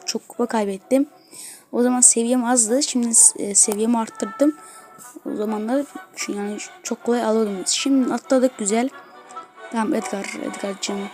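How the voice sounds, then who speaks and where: A woman giving excitable gameplay commentary as a gaming video host, trash-talking opponents as she plays. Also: fairly high pitch, normal speed, soft background music. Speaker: gaming YouTuber.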